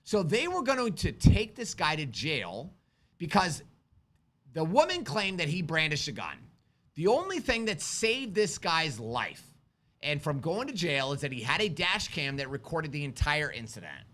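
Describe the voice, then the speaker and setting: Man, firearms instructor, live-stream host, animated storytelling, bright tense tone. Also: on the high side, unhurried. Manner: animated storyteller, asks rhetorical questions; talks with his kids on stream. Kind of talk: live-stream chat answering viewer questions.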